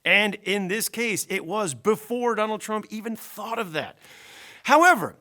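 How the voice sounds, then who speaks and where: A man delivering a satirical comedy news monologue, sardonic, with punchy deadpan punchlines. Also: high-pitched.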